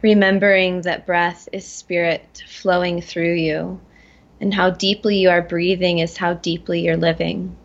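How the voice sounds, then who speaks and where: A woman leading a guided meditation in a gentle, soothing manner, slowly and with long pauses. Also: fairly low pitch, little pitch movement, lo-fi sound. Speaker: guest guiding a meditation.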